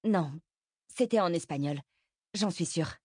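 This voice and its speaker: A woman's voice: lowish voice, a little slow, a little mellow, slightly rough, no echo, clean studio sound. A woman voicing a curious, protective teenage girl in an audiobook, asking probing, informal questions. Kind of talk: audiobook character voice.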